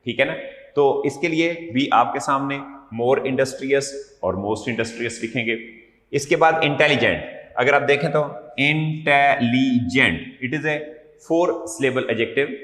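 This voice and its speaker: A man from Pakistan teaching an English grammar class. He keeps checking in with "okay?", quizzes his students, and draws out the English words slowly. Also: mid-range voice, a bit bright. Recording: echoey hall, distant mic.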